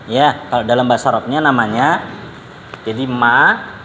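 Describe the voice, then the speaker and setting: A man's voice: mid-range voice, pushed and bright. Man teaching an Arabic class in an echoey room. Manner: patient, repeats drills slowly, drawn-out question intonation. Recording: echoey room with faint background noise.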